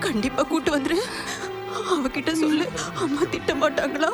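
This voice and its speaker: Frantic mother, played by an actress, high-pitched and pleading, music underscoring. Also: moderate pace, lightly acted. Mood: anxious pleading. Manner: anxious and pleading. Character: frantic mother of a missing daughter. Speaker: worried mother of a missing girl. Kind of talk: film drama acting. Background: film score music.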